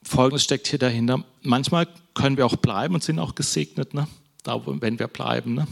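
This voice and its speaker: Male preacher, gravelly voice, chatty sermon style, keeps checking in with the congregation. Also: mid-range voice, brisk. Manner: conversational, frequent "ne?" tags. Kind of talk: casual sermon.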